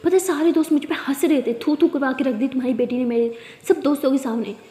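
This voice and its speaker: A woman voicing an angry, strict middle-aged father who shouts and scolds his daughter. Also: sits high, very fast, close to an everyday voice. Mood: furious. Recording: echoey room with long reverb.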